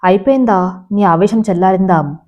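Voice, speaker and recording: A woman's voice: mid-range voice, slow, lightly acted. A woman narrator voicing a stern young male boss who gives curt, commanding orders. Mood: cold command. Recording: slightly dull lo-fi sound.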